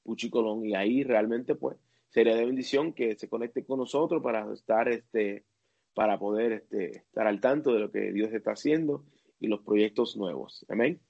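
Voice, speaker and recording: A man, a worship leader and singer, talking casually as an interview guest and pausing often with fillers and restarts. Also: fairly low pitch, creaky, highs cut off. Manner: halting, many fillers and restarts.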